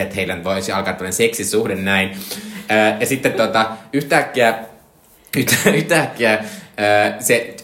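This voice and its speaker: Man podcast co-host with a Finnish accent, eager, halting, in an echoey room. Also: fairly low pitch, fairly bright tone. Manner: enthusiastic, hesitant fillers, retelling scenes. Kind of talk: casual chat about a film.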